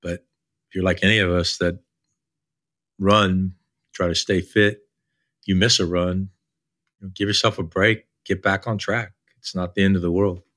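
Low, bright-voiced older man. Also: flat delivery, normal speed, pauses often. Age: older, baby boomer. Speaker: podcast host and leadership coach. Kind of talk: informal podcast monologue.

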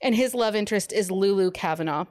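A woman's voice: medium pitch, quick pace, darkish tone. A woman co-hosting a casual book chat among friends, gushing with enthusiasm as she recommends her favorite reads. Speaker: podcast co-host pitching a book pick.

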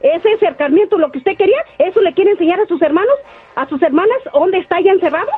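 A middle-aged woman, scolding her son over the phone, indignant and rapid-fire. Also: very high voice, lively intonation, faint music behind. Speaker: caller's mother on phone. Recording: tinny phone line.

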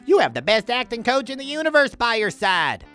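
A theatrical alien sidekick who believes he is the finest actor in the universe, voiced by a woman. He speaks in a grand, bossy way, with a bright tone and a pitch that swoops up and down. It is a lively children's audio drama character. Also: brisk, clean tone, soft background music. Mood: grandiose. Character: pompous alien sidekick who thinks he's a great actor.

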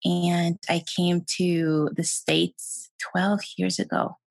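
A woman's voice: on the low side, flat delivery, slow pace, vocal fry. A young woman from Sweden, a guest chatting casually on a video call, laughing often and full of fillers. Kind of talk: casual interview chat.

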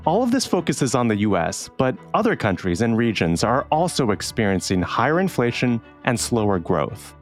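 A man's voice: medium pitch, big pitch swings, normal speed, few pauses. A man hosting a podcast, delivering scripted narration with music behind him. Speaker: podcast host. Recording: prominent music bed behind voice.

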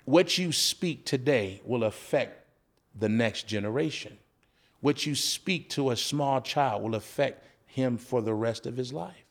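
A man's voice: medium pitch, animated, unhurried. A man who is a former coach, talking as a podcast guest in an earnest, preacher-like way, often asking rhetorical questions. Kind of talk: conversational storytelling with preaching.

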